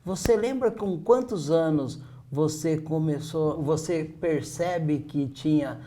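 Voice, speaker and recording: A Brazilian man hosting a TV interview show, reading a formal intro and asking his guest steady, measured questions. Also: fairly high pitch. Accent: Brazilian Portuguese. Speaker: talk show host.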